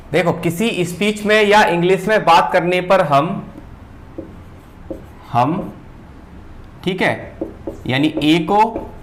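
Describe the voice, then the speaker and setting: A male teacher giving a whiteboard grammar lesson, pausing and repeating words as he writes. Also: high-pitched, a little hiss or hum. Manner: slow, repeats words while writing, often says "ठीक है".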